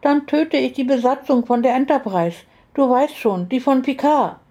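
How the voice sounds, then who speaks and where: A woman voicing a frightened little girl who sobs and pleads in a high childlike voice. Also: normal speed, darkish tone, dull audio.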